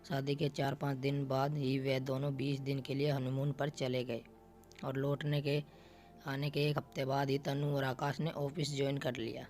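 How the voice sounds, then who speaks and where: Steady flat-voiced male storyteller. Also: medium pitch, normal speed. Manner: steady, even reading. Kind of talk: scripted story narration. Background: faint background music.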